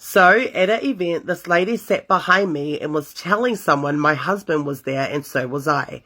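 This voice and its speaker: A woman's voice: low-pitched, moderate pace. A young woman, reading listener confessions aloud as host and reacting with sassy asides. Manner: animated, sassy asides between read stories. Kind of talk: casual storytime reading with reactions.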